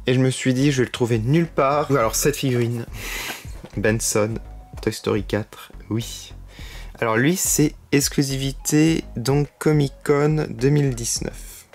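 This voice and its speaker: A man with a French accent chatting his way through an unboxing, excited and full of little fillers. His voice sits at an ordinary middle pitch. Faint music plays quietly underneath. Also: a little slow. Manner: enthusiastic, chatty, lots of fillers. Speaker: YouTube collector unboxing figurines. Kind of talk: casual unboxing vlog.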